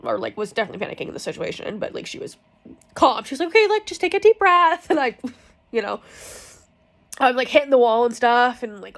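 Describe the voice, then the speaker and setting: A young woman with a slightly high voice tells a story in a loose, chatty ramble. She talks frankly, swears freely and leans on fillers as she goes. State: in pain from cramps. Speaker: vlogger. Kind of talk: casual storytelling chat.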